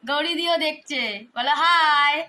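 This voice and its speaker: A woman's voice: high-pitched, fairly even intonation, a little slow, sharp tone, slight background noise. A woman vlogging at home, teasingly coaxing her relatives to speak up for the camera. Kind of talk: casual family vlog.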